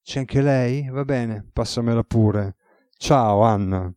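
A man voicing a weary, ironic male god with a relaxed, teasing manner, as read in an audiobook. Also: medium pitch, takes it slowly, no echo, clean studio sound, natural voice. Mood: amused.

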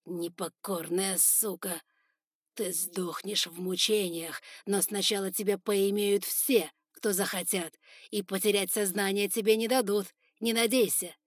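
A woman reading aloud plays a furious old spider lord who barks orders and sneers at everyone below him. His voice is loud, raised and harsh, delivered close and dry with no room sound. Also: mid-range voice, steady tone, unhurried, dry recording, natural voice. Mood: scornful. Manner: shouting orders, harsh and contemptuous. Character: furious older male spider lord, cruel ruler. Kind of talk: audiobook character voice.

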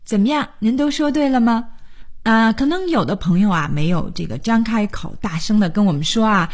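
A woman's voice: a little high, a little fast. A woman hosting a radio English lesson, encouraging and chatty as she talks straight to her listeners.

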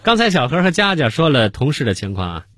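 A man's voice: fairly high pitch, sing-song, fast talker, very noisy. A man hosting a TV comedy show, telling a funny story with punchlines. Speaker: host.

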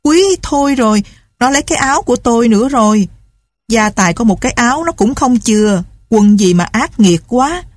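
A woman's voice: mid-range voice, normal speed, dark tone, breathy edge, no room sound, lightly acted. A woman voicing a talkative older housemate who fusses and scolds. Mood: alarmed.

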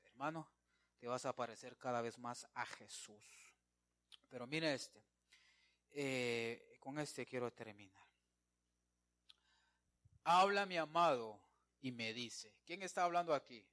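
A man delivers an emphatic evangelical sermon in a voice on the high side, repeatedly addressing his listeners as brother. He swings between loud declarations and quiet asides.

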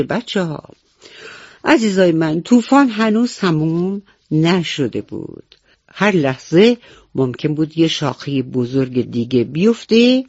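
A woman storyteller narrating a bedtime story for children on the radio, gentle and affectionate. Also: sits low, husky, dry recording, muffled recording. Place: radio studio.

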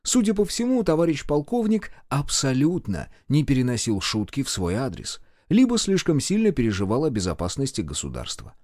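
A man narrating an audiobook in an expressive storytelling manner, close to the mic. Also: medium pitch, fairly quick, few pauses, dry recording. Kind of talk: scripted narration.

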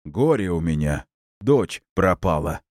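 A man voicing a drunk, foul-mouthed, hot-tempered middle-aged man who shouts and drags out his words. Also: sits low, very animated. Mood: furious, drunk. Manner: shouting, coarse, drawn-out words.

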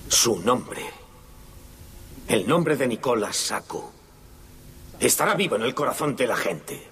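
A man's voice: mid-range voice, sing-song, slow, a bit bright, a little hiss or hum, exaggerated voice. An actor playing a condemned Italian anarchist man giving a solemn, impassioned final statement in court, in a dubbed film.

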